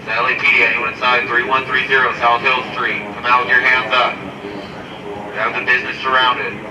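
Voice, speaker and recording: A man's voice: medium pitch, little pitch movement, brisk. Man barking orders through a megaphone. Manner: commanding, repeated orders. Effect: amplified through a megaphone. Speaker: police officer. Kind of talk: police loudspeaker announcement. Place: outdoors on a city street. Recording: echoey loudspeaker from far off, noisy street.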